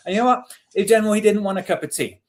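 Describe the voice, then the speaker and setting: An English army veteran in his forties, with a British accent, chats as an interview guest, telling stories casually with some self-deprecation. His voice is high and rapid-fire, with background noise in the recording.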